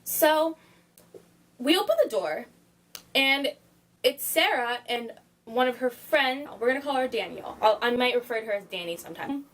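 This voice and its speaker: A woman's voice: fairly high pitch, animated, normal speed, a bit bright, poor audio. A young woman telling a storytime vlog in a blunt, profane, emphatic way, full of "like.". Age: young adult. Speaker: college student vlogger.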